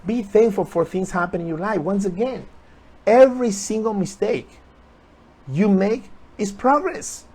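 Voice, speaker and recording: High-voiced earnest motivational man. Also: normal speed, darkish tone, breathy edge. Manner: earnest, repetitive, urging viewers. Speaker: motivational speaker. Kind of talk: motivational talk on a live stream.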